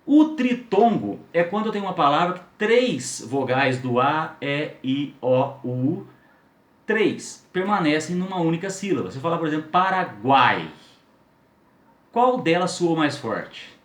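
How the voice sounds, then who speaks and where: Man, teacher, animated voice, a bit high, roomy echo. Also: a little slow. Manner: lively, questioning, stretches out example words. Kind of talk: recorded video lesson. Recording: echoey room.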